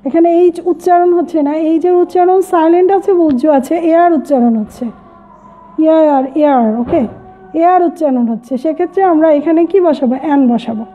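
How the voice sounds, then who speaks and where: Brief: woman teacher, high voice, patient repeating delivery, tinny phone-like recording. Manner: mixes English phrases into explanations, repeats words slowly. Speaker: English teacher. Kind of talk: classroom lesson.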